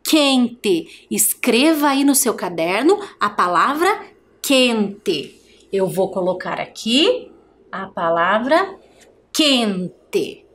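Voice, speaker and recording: A woman with a Brazilian Portuguese accent teaches a televised primary school class. She dictates in a slow, drawn-out way, stretching each word syllable by syllable. Her pitch swings widely as she asks the children questions. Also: sing-song, a bit bright.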